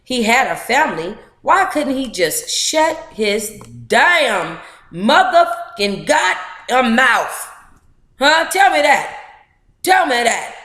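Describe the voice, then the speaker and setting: Fairly high-pitched and a bit bright, her voice swings widely in pitch as she takes things slowly. The middle-aged host chats candidly and reads aloud on a casual book club livestream, with colloquial asides and echoing room sound.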